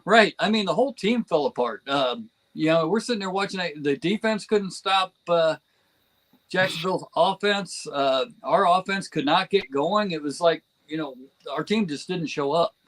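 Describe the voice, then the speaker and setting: A man's voice: fairly high pitch, expressive, moderate pace, a bit bright, poor audio. A man from New Jersey chatting as a guest on a fan podcast, enthusiastic and rambling, with frequent chuckles. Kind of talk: casual podcast chat.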